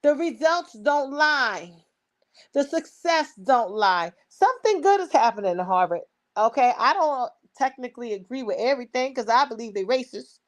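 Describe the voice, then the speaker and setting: A woman's voice: high-pitched, expressive, normal speed. A woman with a Brooklyn accent giving opinionated commentary, speaking emphatically and informally. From Brooklyn, New York. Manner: emphatic, rhetorical questions, swearing.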